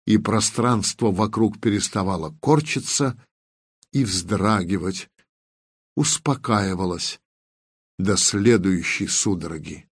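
A man narrating a science-fiction audiobook in a measured way, slowing down on descriptive details. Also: lowish voice, husky, dry recording, studio quality.

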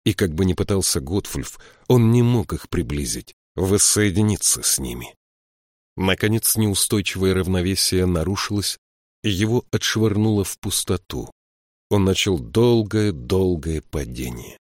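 A man narrating a fantasy audiobook in a steady, measured storytelling voice. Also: sits low, dry recording, clean studio sound. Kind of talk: scripted narration.

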